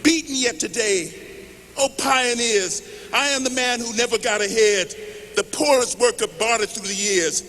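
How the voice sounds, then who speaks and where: High-pitched man in impassioned rally oratory. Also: a bit bright. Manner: impassioned rally-speech oratory, declaiming in measured phrases. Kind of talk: poetry recital at a political rally. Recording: noisy large hall with long reverb.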